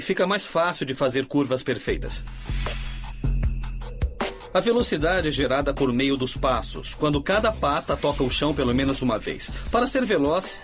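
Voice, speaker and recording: A man with a Brazilian accent giving explanatory expert commentary for a documentary. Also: fairly high pitch. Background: faint music.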